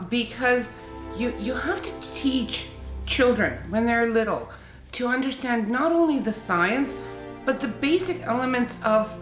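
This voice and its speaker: A woman from Latvia speaks proudly and persuasively about the products she presents, with a few uhs along the way. The sound is roomy, with faint music behind her. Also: fairly high pitch. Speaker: exhibitor of energy products. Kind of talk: documentary interview.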